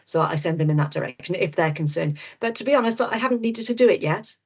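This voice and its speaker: A middle-aged Welsh woman, a GP and nutritionist, answers webinar questions as a guest speaker, frank and reassuring, with lots of ums and restarts. Her voice is on the low side, a little mellow with a breathy edge, and she speaks fast and expressively.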